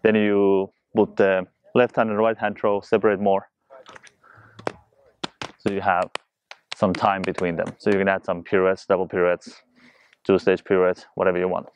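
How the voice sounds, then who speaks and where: A man explaining a juggling trick in a casual spoken tutorial, talking fast and a lot in a friendly, joking way. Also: low-pitched, little pitch movement, smooth, no echo, highs cut off. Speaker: juggling instructor. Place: indoors, filmed by a friend on camera.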